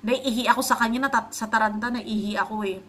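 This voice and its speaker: A woman's voice: fairly high pitch, fairly even intonation, quick pace, a bit bright. A young Filipina mother from the Philippines, pregnant, chatting casually in a home vlog and retelling a story with quoted dialogue. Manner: chatty, mixes Tagalog and English, retells her own quoted words. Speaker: vlogger, stay-at-home mom.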